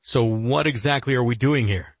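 An exasperated young agent , voiced by a male narrator, speaks in a raised, husky tone and pleads hard with his father. The read is close and dry. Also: mid-range voice, normal speed, no echo, voice pushed up, lightly acted. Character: young male federal agent, desperate son.

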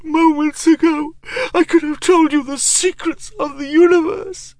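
A man voicing an old legendary sorcerer, speaking in a high, strained hoarse voice, anguished and insistent. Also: fairly even intonation, measured pace, darkish tone, dry recording. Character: old male legendary sorcerer, shaken and imperious. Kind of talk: audiobook character voice.

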